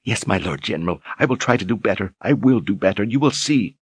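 A man's voice: on the low side, animated, brisk, breathy edge, no room sound, voice pushed up. A man reading an audiobook, voicing a cowed woman sorceress who pleads and coos in broken grammar. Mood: submissive. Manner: whiny, pleading, archaic grammar.

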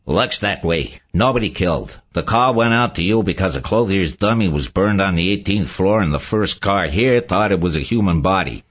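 A man's voice: deep voice, lively intonation, normal speed, few pauses, husky. A man playing a tough, blunt cop chief. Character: tough shrewd Irish male bomb-squad chief. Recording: dull lo-fi audio.

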